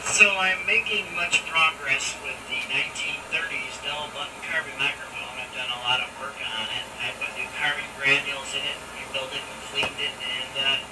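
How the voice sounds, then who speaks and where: A man talking casually about his microphone project, heard back through a gritty 1930s carbon microphone with hiss, set at a distance, with relaxed filler pauses. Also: mid-range voice, echoey room. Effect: gritty 1930s carbon microphone sound with hiss. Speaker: vintage microphone hobbyist. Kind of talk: casual demonstration talk. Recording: hissy carbon mic playback from a distance.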